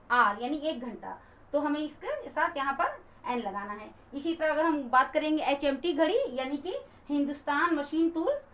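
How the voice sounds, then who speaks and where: A woman teacher with a fairly bright, high-sitting voice patiently explains grammar to viewers she calls friends, switching into English example sentences. The recording is dull and lo-fi.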